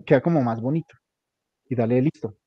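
A man's voice: mid-range voice, a little fast, slightly rough, no echo. A man teaching a hands-on computer class, giving directions step by step and repeating them often. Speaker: instructor. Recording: dull lo-fi recording.

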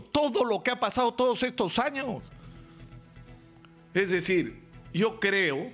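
A man's voice: sits high, fairly bright tone. An older man with a Peruvian accent giving emphatic live opinion commentary in a small radio studio, close to a stand mic, gesturing and firing off rhetorical questions. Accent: Peruvian Spanish. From Peru.

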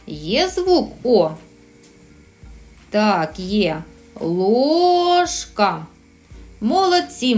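A woman teaching a recorded lesson for preschool children, encouraging and drawing out her words. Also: fairly high pitch. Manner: slow, sing-song and encouraging, drawing out sounds.

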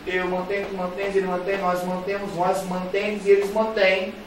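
A man's voice: sits high, completely flat delivery, normal speed, noisy background. A man with a Brazilian Portuguese accent teaching a grammar lesson, playful and repetitive, speaking straight to his students. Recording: very echoey room, voice far from mic.

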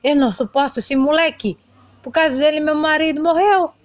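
A woman's voice: sits high, a little fast, no echo, dull audio, voice pushed up, close to an everyday voice. A woman voicing a scheming, greedy widowed mother, the soap-opera villain, speaking spitefully. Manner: spiteful, emphatic.

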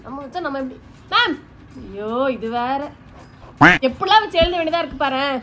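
A woman's voice: high-pitched, very animated, normal speed, bright, forceful tone, slight background noise. A young woman acting out different types of schoolgirls in a comedy sketch, pleading, bossy and sarcastic by turns.

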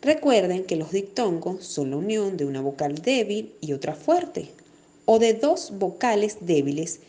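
A woman teacher giving a recorded distance-learning lesson to children, speaking slowly and clearly and stressing syllables as she explains. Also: fairly low pitch, sing-song, mellow. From Venezuela. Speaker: primary school teacher.

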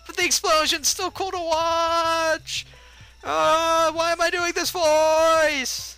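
A man doing a squeaky, overexcited cartoonish voice with shrill, drawn-out exclamations. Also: level tone, pushed and bright, exaggerated voice.

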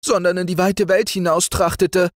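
Man playing a young sailor, pleading, anguished, high, loud, dry sound. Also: little pitch movement, moderate pace, dry recording, natural voice. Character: young sailor, desperate and pleading, wrongly accused.

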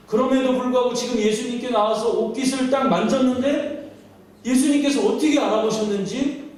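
Man, pastor, emotive sermon, rhetorical questions, high voice, distant mic, booming church echo. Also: a little mellow, slight background noise. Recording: echoey hall from far off.

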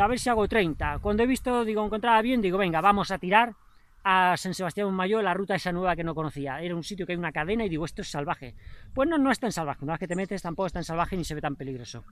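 Chatty, motivational man, higher voice. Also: a bit bright. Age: adult, married. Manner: chatty, motivational, addresses viewers as mates. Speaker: trail running vlogger and coach. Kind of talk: casual post-run vlog talk.

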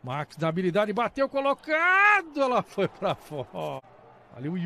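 A man's voice: a little high, expressive, moderate pace, gravelly. A Brazilian man doing live football commentary in a colloquial way, dotted with little interjections. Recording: faint stadium noise on broadcast.

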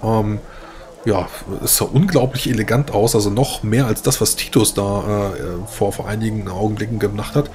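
A man's voice: lowish voice, steady tone, normal speed, darkish tone. A man narrating as game master of a tabletop game, hesitant with many fillers.

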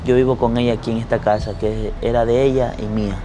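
An actor playing a widower who pleads and protests in exasperation in a melodramatic web drama, with music behind him. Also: male voice, mid-range voice, level tone, fast, close to an everyday voice. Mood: pleading. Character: widowed man torn between his girlfriend and his mother-in-law.

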